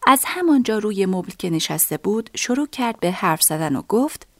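Woman narrator, soft half-whispered story reading, creaky voice, dry sound. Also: medium pitch, big pitch swings, no echo.

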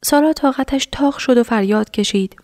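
A woman narrating a story in a soft, half-whispered reading voice. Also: fairly high pitch, no echo, studio quality.

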